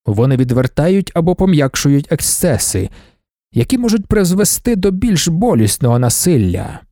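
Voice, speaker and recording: A man voicing Leto, a calm ancient emperor. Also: on the high side, moderate pace, dry recording, studio quality. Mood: measured. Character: ancient godlike male emperor, calm, measured, cryptic.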